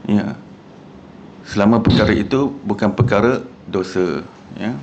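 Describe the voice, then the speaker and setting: Malaysian man giving an animated mosque lecture. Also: on the low side, a little slow, lo-fi sound, background noise. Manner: animated, conversational with frequent "ha" and "ya" fillers. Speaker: religious lecturer. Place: mosque hall.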